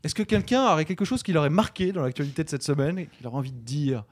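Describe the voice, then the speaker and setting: A man hosting a casual podcast chat, quick and joking as he steers the talk. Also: fairly high pitch, lively intonation. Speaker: podcast host.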